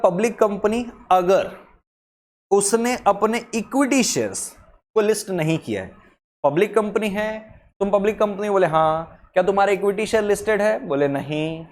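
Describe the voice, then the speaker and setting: A man teaching an exam-focused law lecture in a brisk, emphatic way, mixing in English terms. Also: sits high, darkish tone, a little hiss or hum.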